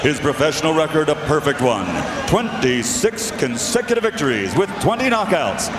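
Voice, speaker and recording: A man announcing a boxing match in a showy lucha libre announcer style, booming and stretching out the names. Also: lively intonation, normal speed. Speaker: ring announcer. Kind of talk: formal boxing ring announcement. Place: large indoor arena. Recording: loud crowd noise, echoey arena PA. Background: roaring crowd.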